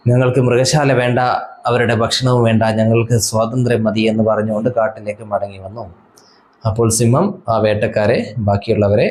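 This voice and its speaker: A man teaching an Arabic lesson, reading phrases slowly and explaining each one to students. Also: mid-range voice, darkish tone, low-quality recording. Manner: asks rhetorical questions of students.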